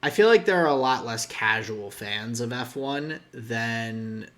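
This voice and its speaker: A young man co-hosts a podcast in casual chat, his mid-range voice expressive, a bit bright, and measured in pace. He rambles loosely, restarting often and guesstimating as he goes.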